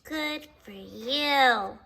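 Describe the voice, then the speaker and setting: A woman voicing a calm cat doctor who gives a plain, reassuring diagnosis in a storybook read aloud. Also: high-pitched, extremely slow, gravelly, voice pushed down, heavily acted.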